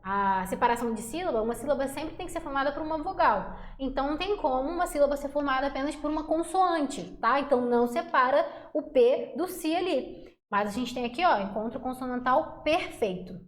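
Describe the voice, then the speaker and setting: A woman teaching a Portuguese phonetics lesson for exam prep in a casual, chatty way, slowing down to sound out syllables. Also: sits high. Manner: casual, chatty, addresses class as galera and gente. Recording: roomy echo.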